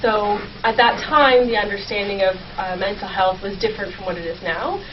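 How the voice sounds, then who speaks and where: Speaking a little fast in a medium-pitched voice, a young history doctoral student eagerly describes her research in a chatty interview. The audio is noticeably noisy, muffled and far from the mic.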